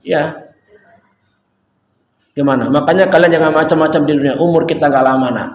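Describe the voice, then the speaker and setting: A man giving an animated religious talk to students, going from loud urging to hushed warnings. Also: on the high side, normal speed. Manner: animated, swings from loud to hushed, calls listeners nak. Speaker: religious teacher at a school orientation. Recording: echoey hall with faint ambience.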